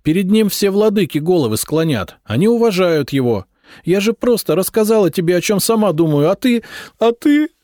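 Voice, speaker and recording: A high, shrill princess, pleading in tears and then arguing back with defiance, as a male narrator puts her on in an audiobook. The voice climbs well above his own and jumps about in pitch, and the recording is dry and close. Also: sing-song, normal speed, a little mellow, dry recording. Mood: tearful pleading. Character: tearful defiant young princess wife.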